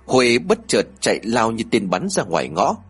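A man reads a ghost story aloud with a husky, slightly breathy tone. His pitch moves a lot as he builds the tale. The delivery is formal and expressive. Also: normal speed. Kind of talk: scripted story narration.

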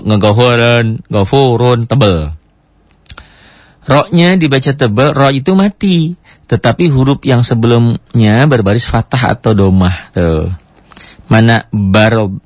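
A man with an Indonesian accent teaching Quran recitation rules in a radio lesson, explaining step by step and sounding out Arabic words slowly, with sudden jumps in pitch to stress a point. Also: no room sound. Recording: dull dry radio broadcast recording.

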